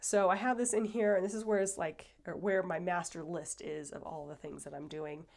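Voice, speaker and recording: A woman hosting a casual planner flip-through, chatty and rambling with many fillers, sounding a little stuffy and breathy. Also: on the low side, steady tone, normal speed, a little mellow. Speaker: planner channel host.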